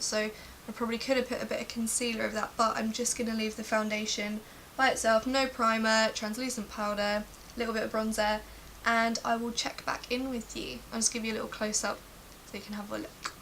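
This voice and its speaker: Female beauty vlogger, bright and slightly high voice, informal chat to camera, light hiss. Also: rough recording. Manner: chatty, informal. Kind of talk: casual makeup review to camera. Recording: faint background hiss.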